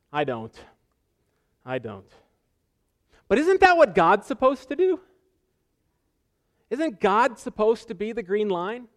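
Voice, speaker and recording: A man preaching a sermon as pastor, earnest, repeating phrases for emphasis and asking rhetorical questions. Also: high-pitched.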